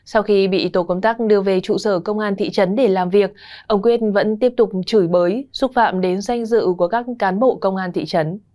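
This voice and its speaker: A woman's voice: mid-range voice, moderate pace, warm tone. A young adult woman presenting scripted news as a studio anchor.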